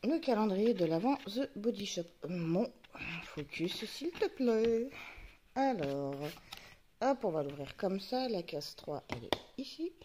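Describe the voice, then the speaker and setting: Woman vlogger, casual unboxing chat, very lively pitch, faint hiss behind. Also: a little slow. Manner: chatty, talks to the camera focus, muttering asides. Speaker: YouTuber unboxing advent calendars.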